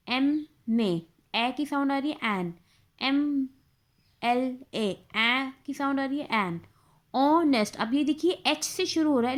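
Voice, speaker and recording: High-voiced woman teaching grammar. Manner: explains step by step, repeats example words slowly. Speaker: English teacher. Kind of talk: grammar lesson.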